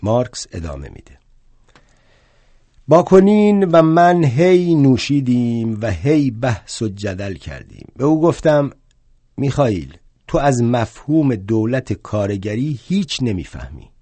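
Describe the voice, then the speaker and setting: In a one-man stage play, an older man portrays a proud, indignant aging revolutionary thinker, recounting his story wryly before bursting into indignant shouts. His voice is medium-pitched and sing-song, recorded dry.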